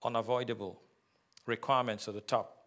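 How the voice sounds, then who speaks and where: A man's voice: mid-range voice, level tone, normal speed, fairly bright tone. A man preaching a sermon in short phrases for an interpreter, calling out for amens. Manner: emphatic, calls for amens. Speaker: pastor.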